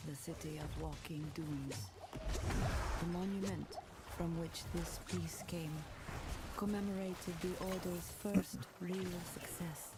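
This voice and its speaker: A woman voicing a solemn narrator who recounts dark lore in a video game, in a grave, measured way. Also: lowish voice, fairly even intonation, over loud music. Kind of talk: game voice acting.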